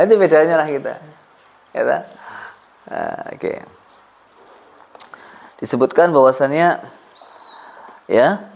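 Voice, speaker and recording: A man's voice: a little high, lo-fi sound. Man teaching a religious lesson. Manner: switches between slow Arabic recitation and casual joking explanation. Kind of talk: kitab study lesson.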